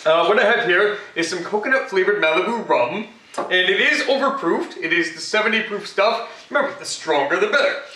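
Cocky and boastful, a young man hams it up as Batman hosting a comic cooking show, filling his rambling with fillers. He sits high in pitch with lively intonation, speaking a little fast in a sharp tone. A far-off camera mic records the echoey home kitchen, with a little hiss or hum.

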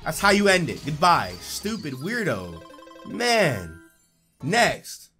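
A young man giving excitable, mocking commentary while playing a game. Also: fairly high pitch, takes it slowly. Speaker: let's play gamer. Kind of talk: gameplay commentary. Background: faint game music.

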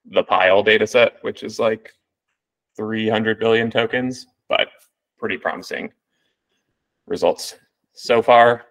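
A man's voice: deep voice, fairly bright tone, low-quality recording. A man presenting a machine learning paper to a reading group, in a casual walkthrough with many ums and restarts.

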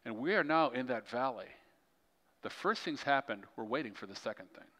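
A male pastor preaching a sermon with animated storytelling. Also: a little fast. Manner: storytelling, animated swings in pitch and loudness. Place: large church hall. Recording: long church hall reverb.

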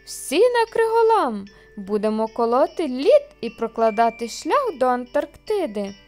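A woman's voice: high voice, very animated, unhurried, soft background music. A woman voicing an impulsive little round bun character in a children's audio storybook, calling out eagerly. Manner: eager, shouting, exclamatory.

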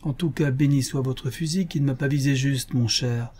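A man's voice: mid-range voice, moderate pace, mellow, slightly rough, voice pushed up, natural voice. A man voicing a cornered, ashamed male spy in an audiobook, grumbling in a sour-sweet tone. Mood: rueful.

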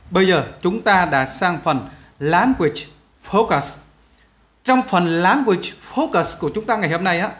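A male English teacher, giving a pronunciation lesson and saying example words slowly, stretching the vowels. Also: sits high, a bit bright.

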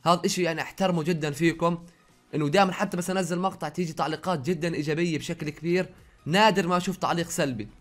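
Speaking rapidly in a fairly high, slightly raised voice, a young Jordanian YouTuber blends a few Saudi words into his Jordanian Arabic, with faint music behind. He chats with viewers from his room, reading out their questions and answering each in turn.

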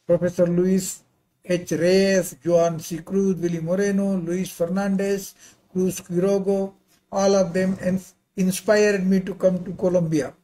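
High-pitched older man lecturing, non-native English. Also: flat delivery, measured pace, mellow, rough recording. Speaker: visiting pharmacy professor and associate dean. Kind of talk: lecture with slides. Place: indoors, on a video call.

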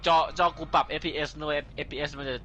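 A man's voice: fairly high pitch, flat delivery, fast, bright, forceful tone. A young man playing along in a voice chat, chatting and joking casually about the game and his settings. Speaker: co-player.

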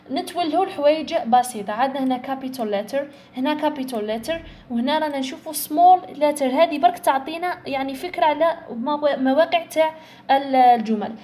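A young woman with an Algerian Arabic accent, explaining an English exam step by step and slowly sounding out English words to show where the stress falls. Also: high voice, darkish tone, a little hiss or hum. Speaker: English tutor. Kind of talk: exam-prep lesson.

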